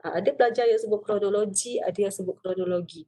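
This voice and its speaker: Malaysian lecturer, female, mellow and warm tone, talks through points with "okey" fillers. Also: medium pitch, quick pace. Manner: explains step by step, many fillers and "okey". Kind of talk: recorded lecture.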